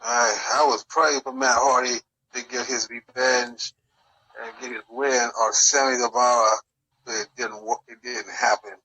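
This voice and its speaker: Quiet, husky-voiced man recapping. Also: medium pitch, flat delivery, unhurried, low-quality recording. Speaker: podcast co-host. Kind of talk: casual review chat.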